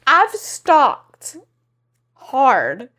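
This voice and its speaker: Slow-talking, blunt woman. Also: sits high, huge pitch swings, pushed and bright. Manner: unhurried, emphatic, blunt. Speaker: podcast co-host. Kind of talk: casual chat.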